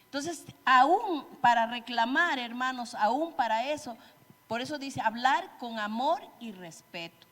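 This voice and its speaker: A woman in her sixties with an Ecuadorian Spanish accent, teaching couples at church in a gentle, explanatory way. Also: on the high side, expressive, measured pace. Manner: gentle and explanatory, acts out example phrases. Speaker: church couples-ministry speaker. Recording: reverberant church hall.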